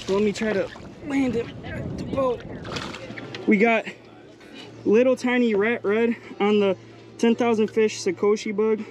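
A fishing vlogger in his twenties gives excited, chatty running commentary from a small boat on a bay, calling viewers "guys" and "bro". His voice sits high, with a measured pace and long pauses. It's captured on a body-worn action camera with music playing underneath.

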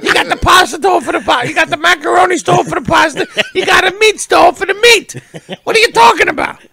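A cranky old Italian nonna yells at customers about stores in a heavy Italian-American Brooklyn accent, as a male comedian puts her on. Her voice is extremely high and gravelly, with a sharp, piercing edge. She scolds in disbelief, calling everyone stupid. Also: fast talker, exaggerated voice. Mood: scornful. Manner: yelling, scolding, mock-baffled. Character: shouting old Italian grandmother, bossy and scornful. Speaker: comedy podcast co-host. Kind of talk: comedy podcast improv.

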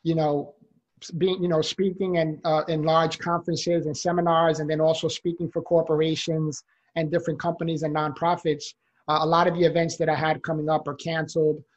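A man's voice: a little high, level tone, a little fast. Earnest man on a video call. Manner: earnest, conversational, with many fillers. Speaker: guest, motivational speaker. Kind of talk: telling his life story in a TV interview. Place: home office with a window. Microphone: desktop condenser mic on a video call.

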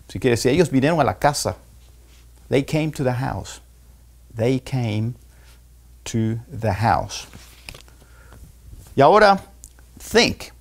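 Man, teacher type, gravelly voice, slow, repetitive lesson delivery. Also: mid-range voice, darkish tone. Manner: explains slowly, repeating example phrases for learners. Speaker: English teacher. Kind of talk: spoken lesson.

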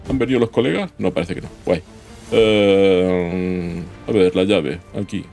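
A gaming YouTuber offers casual commentary as he plays, chatting to himself and letting out sudden yelps over game music. His voice sits low, creaky and darkish in tone, and he speaks unhurriedly.

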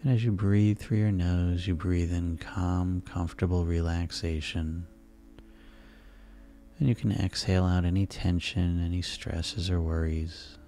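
This is a guided sleep hypnosis led by a man whose deep, mellow voice stays almost flat in pitch. His soft, soothing delivery is unhurried, with calm phrases separated by pauses, and relaxation music plays behind him.

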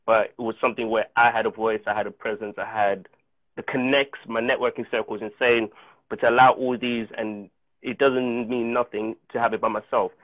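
A man in his thirties from South Africa, a native Chichewa speaker, appears as a guest actor in a casual interview over a video call from a room at home. His mid-range voice is flat and fairly quick, and he tells stories earnestly and reflectively, restarting often. The earphone mic gives tinny, dry, phone-like audio.

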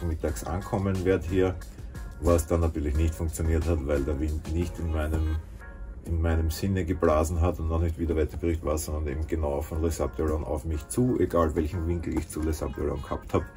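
A man, vlogging casually about his sailing voyage from a small boat cabin, talking in a relaxed, chatty way with many fillers. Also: deep voice. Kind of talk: casual spoken vlog. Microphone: camera at arm's length.

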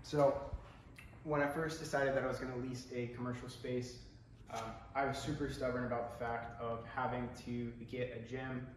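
A man's voice: mid-range voice, level tone, normal speed. A man in his twenties narrating a casual walk-through tour as host, in an echoey warehouse, picked up by a camera a few feet away. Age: 20s. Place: large warehouse room with concrete floor, indoors. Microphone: handheld camera a few feet away. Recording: echoey warehouse, some background noise.

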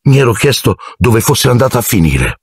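A man voicing a frightened teenage boy who slips into a high falsetto, reading an audiobook. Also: sing-song, normal speed, husky, dry recording, studio quality. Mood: delighted. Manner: high, squeaky falsetto in panic.

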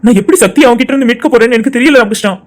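A man's voice: very high voice, very fast. A man voicing a heartbroken young lover in a cartoon, sorrowful and subdued. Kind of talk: cartoon voice acting.

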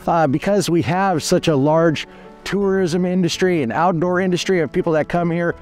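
With soft music in the background, a hatchery manager in his forties explains his fish hatchery outdoors beside a creek. His high-pitched voice is slightly mellow and keeps a moderate pace. The tour is earnest and matter-of-fact, full of restarts.

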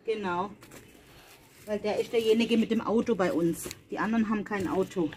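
A woman's voice: medium pitch, brisk, darkish tone, a little hiss or hum. A woman vlogging casually to her viewers while planting in a garden at night, talking to them directly. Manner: chatty, addresses viewers directly. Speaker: vlogger, mother. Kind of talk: casual family vlog.

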